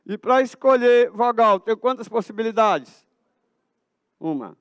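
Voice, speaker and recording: A man with a Brazilian accent leads a math lesson in a school auditorium, asking a question and then supplying the answer. His voice sits high and his delivery is slow. The sound is close and dry. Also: lively intonation, fairly bright tone, smooth, dry recording. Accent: Brazilian Portuguese. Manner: asks the class questions and answers them himself. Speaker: teacher.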